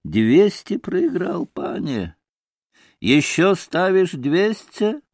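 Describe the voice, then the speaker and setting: A man doing a haughty Polish gentleman. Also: sits high, sing-song, extremely slow, dry recording, studio quality, voice pushed up, exaggerated voice. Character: pompous offended Polish gentleman.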